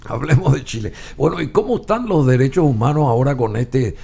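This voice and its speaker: A man hosting a radio interview, chiming in often and asking slow, deliberate questions. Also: mid-range voice, expressive, vocal fry, warm tone, husky. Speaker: radio show host.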